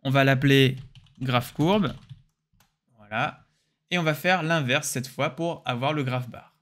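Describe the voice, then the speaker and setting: A young man with a French accent hosting a casual, enthusiastic software tutorial. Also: mid-range voice, measured pace. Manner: casual, joking, enthusiastic explainer. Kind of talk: screen-recorded software tutorial.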